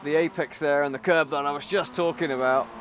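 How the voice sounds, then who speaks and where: A man's voice: a little high, fairly even intonation, fairly quick. A man giving casual race analysis as a co-commentator. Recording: dull lo-fi audio with engine noise.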